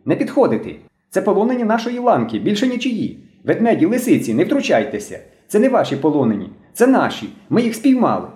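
A man voicing an excitable thin boy who leads a pioneer squad, shouting orders in a high voice in an audiobook reading. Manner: shouting fast, high-pitched, bossy. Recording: roomy echo.

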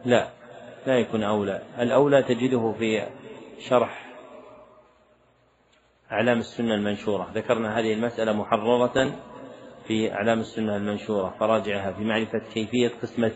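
A man's voice: lowish voice, little pitch movement, quick pace, pauses often, crowd noise. A man teaching a religious text, reading out written questions from students and answering them briefly and firmly. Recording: dull lo-fi lecture recording.

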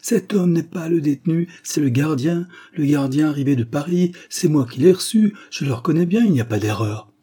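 An agitated jailer's wife, as a male reader of the story puts her on in a story reading. She rushes in with insistent exclamations, her voice raised above the reader's dark, husky tone. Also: fairly low pitch, very animated, heavily acted. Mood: alarmed. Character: jailer's wife, indignant middle-aged woman.

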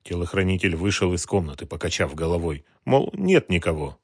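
Male audiobook narrator, low and animated, dry close mic. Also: fairly quick, breathy edge, dry recording. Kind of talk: scripted narration.

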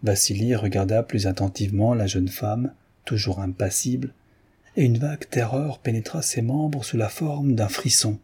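Male audiobook narrator, measured reading, low pitch, dark husky voice. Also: steady tone. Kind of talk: scripted narration.

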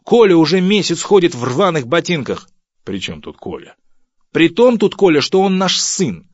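A man's voice: mid-range voice, sing-song, fairly quick, breathy edge, no room sound, voice pushed up. A man voicing an exasperated, indignant wife who pleads and argues with her stingy husband. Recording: dull, dry audiobook recording.

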